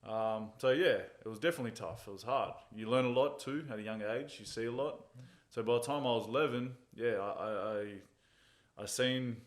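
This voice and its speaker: In a casual interview chat, a man who fights MMA reminisces about his fights and childhood, laid-back and chatty, sometimes chuckling at his own jokes. He talks at a normal speed with an ordinary middle pitch.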